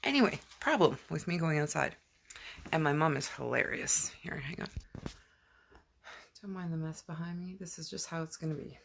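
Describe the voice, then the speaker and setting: Low gravelly-voiced woman vlogging at night. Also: expressive, normal speed, pauses often, slight background noise. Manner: chatty, rambling, drops to whispers outdoors. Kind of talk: casual late-night vlog. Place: home then outdoors at night by a driveway.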